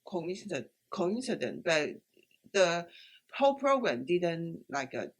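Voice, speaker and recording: A woman's voice: on the low side, big pitch swings, a little slow. A middle-aged woman from Taiwan, not an English speaker, answering interview questions in a hesitant way with many fillers and restarts. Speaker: interview guest, business owner.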